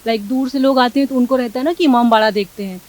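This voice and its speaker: A young woman, giving a news interview and animatedly acting out the exchanges she recounts. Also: fairly high pitch. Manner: animated, quick, acts out quoted exchanges.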